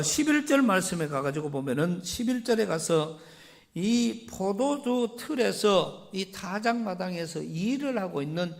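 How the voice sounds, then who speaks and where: A male pastor with a Gyeongsang accent preaching a sermon. He reads scripture and retells it in everyday words, swinging between loud emphasis and quiet asides. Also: high voice. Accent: Gyeongsang Korean.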